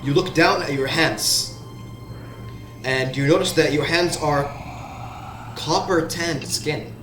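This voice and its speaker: A man narrating as game master in the second person, slow and halting with restarts. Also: fairly high pitch. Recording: roomy sound, faint background music.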